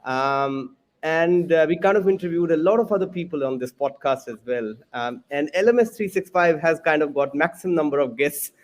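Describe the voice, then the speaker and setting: A man's voice: on the high side, normal speed. Man hosting an interview, long meandering setups. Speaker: podcast host.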